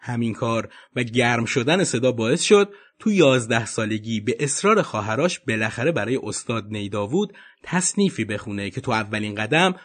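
Lively male podcast narrator. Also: medium pitch. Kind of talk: documentary storytelling narration.

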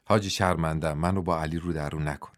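A man's voice: very deep voice, steady tone, no echo, clean studio sound, voice pushed down. A man voicing a young male wrestler, anguished and pleading, in a storybook reading.

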